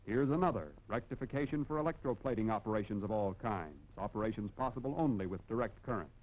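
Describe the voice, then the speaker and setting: A man's voice: lowish voice, fast, slight background noise. An American man reads scripted narration for a 1940s industrial film in a formal, instructive and emphatic manner. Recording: dull, band-limited vintage film soundtrack.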